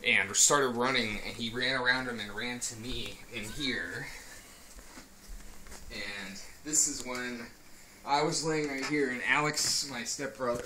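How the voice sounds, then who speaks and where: A man's voice: mid-range voice, a little hiss or hum, low-quality recording. Rambling young man in a home video. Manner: rambling, excitable, swears, repeats himself. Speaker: vlogger. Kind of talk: casual storytelling to camera. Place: apartment room, indoors. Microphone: camera held by a cameraman.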